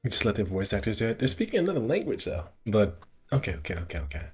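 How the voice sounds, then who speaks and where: Reading a visual novel's story narration aloud on a casual game stream, a man with a low, slightly rough, husky voice sounds very animated and fast. He stumbles occasionally and slips into offhand asides, with soft game music playing in the background.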